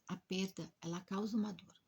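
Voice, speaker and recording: A woman telling an emotional spiritual story as a spiritist rescue worker, in a hushed, breathy, dramatic way. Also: mid-range voice, fairly even intonation, a little fast.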